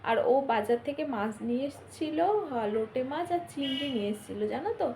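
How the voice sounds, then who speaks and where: A woman's voice: sits high, expressive, fairly quick, slight background noise. A young woman, chatting casually and rambling through her day in a home vlog, full of fillers. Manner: talks softly while others sleep. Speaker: vlogger. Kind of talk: casual daily-life vlog chat.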